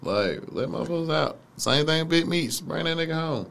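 Gravelly laid-back man co-host. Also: on the high side, animated, normal speed, fairly bright tone. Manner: laid-back, profane banter. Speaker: podcast co-host. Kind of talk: casual chat.

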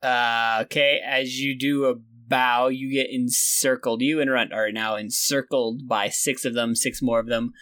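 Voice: medium pitch, fairly even intonation, unhurried, hardly any pauses, a bit bright, no echo. A game master improvising narration for a tabletop game, casually talking with the players.

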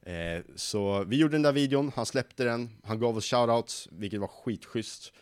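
A man's voice: mid-range voice, smooth, no echo, clean studio sound. A nineteen-year-old man, a young company founder, telling stories in a casual interview and acting out the people he quotes. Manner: lively storyteller who acts out quoted voices.

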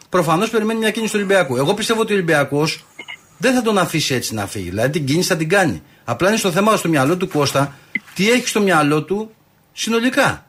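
A male radio co-host with a Greek accent in a sports discussion, measured and explanatory as he reasons through his opinion. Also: fairly high pitch, a bit bright, slightly rough.

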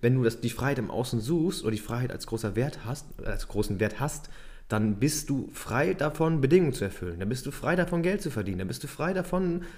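A man's voice: mid-range voice, animated, a little fast, darkish tone. A man co-hosting a podcast, emphatically challenging listeners with rhetorical questions. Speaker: podcast co-host. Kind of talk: casual coaching talk.

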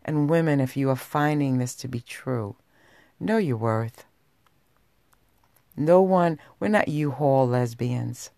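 Sultry, low-voiced woman podcaster with gravelly edge. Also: slow, long pauses, warm tone, dry recording, studio quality. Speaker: podcast host. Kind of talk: personal talk podcast monologue.

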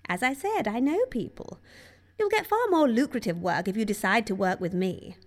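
Woman doing a posh wealthy woman, prim, measured, high lively voice. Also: soft background music. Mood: poised.

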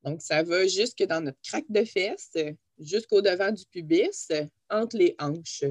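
Quebec woman, physio co-host, lowish voice, dry close sound, chatty explainer. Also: a little slow, breathy edge, dry recording. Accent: Quebec French. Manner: chatty, laughs easily while explaining anatomy. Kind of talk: casual explanatory podcast chat.

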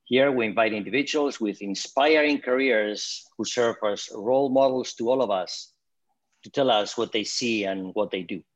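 A man's voice: mid-range voice, moderate pace, dull audio. A man, the program director, formally introduces a guest speaker at an online event.

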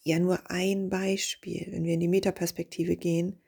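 A woman hosting a reflective spiritual podcast, speaking slowly and softly and dropping into whispers on her key questions. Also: fairly low pitch, flat delivery. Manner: slow, soft and breathy, drifting into whispers on key questions. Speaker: podcast host and coach.

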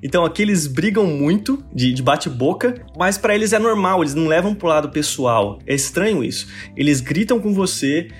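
A young Brazilian man speaks with a Brazilian Portuguese accent, his voice sitting a little high for a man. He tells stories in an animated, expressive way as an interview guest. Soft music plays faintly underneath. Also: brisk, few pauses. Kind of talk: casual interview storytelling.

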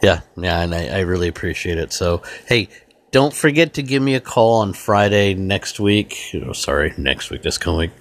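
A man's voice: deep voice, expressive, moderate pace. A man hosting a casual talk show, talking in a rambling way with many false starts. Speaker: host. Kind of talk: casual chat.

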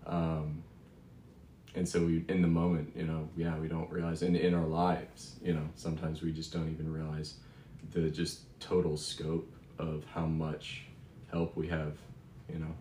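Young man, deep low voice, thoughtful podcast chat, roomy sound. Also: monotone, a little slow, warm tone, slight background noise. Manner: reflective, many fillers. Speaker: podcast co-host. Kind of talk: casual faith chat. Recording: roomy echo.

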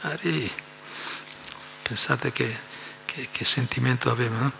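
A man explaining a scripture reading at a devotional class, telling the story in an animated way with asides and repetitions. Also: mid-range voice, a little slow, vocal fry, big-room sound.

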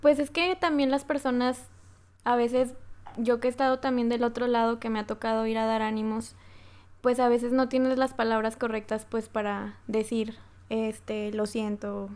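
A woman, in a relaxed conversation. She speaks in a thoughtful, hesitant way, with a voice set a little higher than most women's. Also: moderate pace. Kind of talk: casual conversation.

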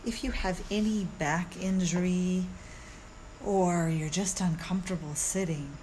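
A woman who teaches meditation guides a mindfulness practice in a soothing, gentle way, with measured pauses, like a calm yoga teacher. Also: lowish voice, a little hiss or hum. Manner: unhurried, measured, with long pauses.

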